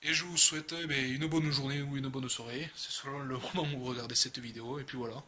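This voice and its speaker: A man with a southern French accent giving casual unboxing commentary as a video host, speaking haltingly and often repeating his words. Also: medium pitch, steady tone, sharp tone, a little hiss or hum.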